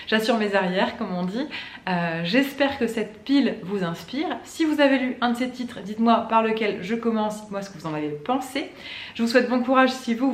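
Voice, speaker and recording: Chatty woman book vlogger, echoey room. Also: medium pitch. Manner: chatty, many fillers and restarts. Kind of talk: casual chat to camera. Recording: echoey room with faint ambient noise.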